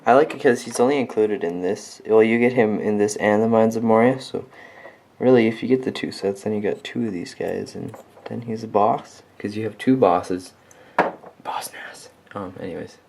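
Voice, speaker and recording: A man's voice: lowish voice, moderate pace, vocal fry, darkish tone, slight background noise. A man casually reviewing a toy set on camera, rambling and enthusiastic with many ums and likes. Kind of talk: casual unscripted product review.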